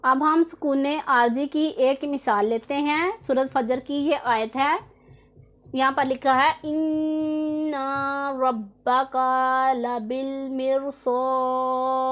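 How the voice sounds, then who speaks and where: A woman's voice: sits high, highs cut off. A woman teaching Quran recitation rules in an online tutorial, explaining patiently step by step and repeating each rule.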